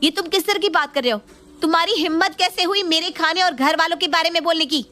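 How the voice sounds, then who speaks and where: A woman voicing a short-tempered young wife in a sharp, indignant way. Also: high-pitched, brisk, pitched above the performer's own voice. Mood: angry.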